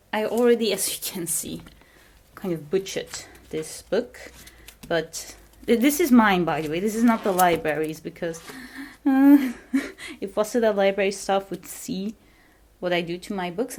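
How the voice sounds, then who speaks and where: Here a young woman from Belgium, a native Dutch speaker, shows off her small apartment room by room in a casual home-tour vlog shot on a handheld camera while walking. She chats easily, giggling and now and then lowering her voice to a whisper. Her voice is medium in pitch with a darkish tone.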